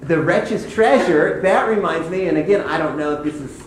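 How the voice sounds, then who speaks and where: Man teaching in an echoey room. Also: a little high. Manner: conversational, reads scripture slowly. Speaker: Bible teacher. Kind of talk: devotional teaching on hymn lyrics. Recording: echoey room, faint background noise.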